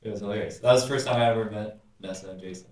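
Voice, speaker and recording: Low-voiced man telling stories in a roomy space. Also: very fast, distant mic, a crowd in the background. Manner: storytelling, low-key, quotes others, drops his voice. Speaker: student ministry podcast co-host. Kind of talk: casual chat. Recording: roomy sound, a bit off-mic.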